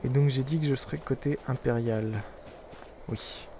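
Guy playing a game and muttering dry little jokes, kinda gravelly voice, noisy recording. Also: medium pitch, steady tone, normal speed, dark tone. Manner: wry, muttering asides to himself. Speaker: let's play gamer. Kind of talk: casual gameplay commentary.

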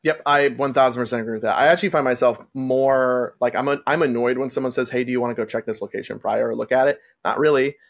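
A man with a gravelly, creaky voice talks loosely about his work as a wedding photographer. His delivery is relaxed and rambling, full of "like" and restarts, as he hosts a laid-back conversation. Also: medium pitch, fast, few pauses. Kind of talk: casual conversation.

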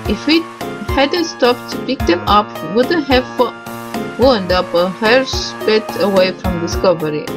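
A woman of medium pitch and measured pace gives relaxed game commentary, reading out a visual novel's lines while music plays behind her. She trips over some words, corrects herself and throws in asides.

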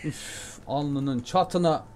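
Young man, gameplay commentary, chatty, jokey, excitable, a bit high-pitched, faint noise. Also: very slow. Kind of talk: casual let's-play commentary.

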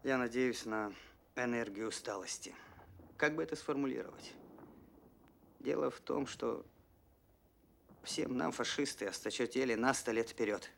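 A man's voice: mid-range voice, normal speed, vocal fry, long pauses, fairly bright tone. A man playing a thoughtful, candid middle-aged military commissar in a war film. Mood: reflective. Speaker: political commissar. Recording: faint room noise.

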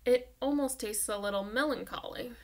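A woman reading aloud and voicing a quiet, reserved preacher father who speaks softly and with measured care. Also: a little high, close to an everyday voice. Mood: puzzled, subdued.

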